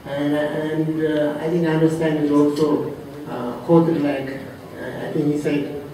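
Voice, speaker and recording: Soft-spoken man from Africa, echoey hall. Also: fairly high pitch, flat delivery. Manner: soft-spoken, halting, many fillers. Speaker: colleague giving a tribute. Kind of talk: heartfelt tribute speech. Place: reception room. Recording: roomy, distant, noisy room recording.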